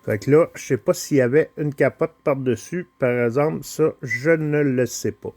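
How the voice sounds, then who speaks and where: Showing off his collection of toy cars, a man with a Quebec French accent narrates a casual unboxing vlog in a slow, hesitant way, with frequent pauses and filler sounds. His mid-range voice is a little mellow. There's no room sound in the clip.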